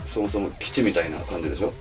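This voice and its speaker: A man's voice: deep voice, rapid-fire, far from the mic. A middle-aged man interviewing in a casual, joking, conversational way. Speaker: interviewer, host. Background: background music.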